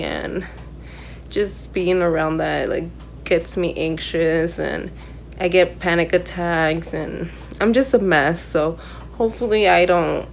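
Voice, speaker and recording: A young woman talking straight to her handheld camera in a casual vlog, rambling in a nervous, excited way with lots of "like"s. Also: lowish voice, gravelly, a little hiss or hum. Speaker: vlogger.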